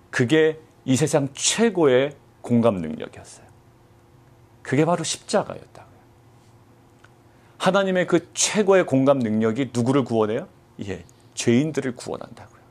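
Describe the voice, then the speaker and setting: Korean pastor preaching with rhetorical questions. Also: male voice, mid-range voice. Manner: rhetorical questions, quoting God in a mock-gruff voice. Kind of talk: sermon.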